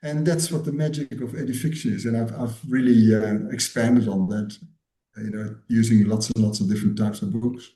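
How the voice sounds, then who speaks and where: With a voice on the low side, fairly even in intonation, dark in tone and at a moderate pace, a man in his sixties from the Netherlands answers interview questions. A guest author and educator, he's thoughtful and tends to repeat words while searching for phrasing, in a roomy, echoing recording.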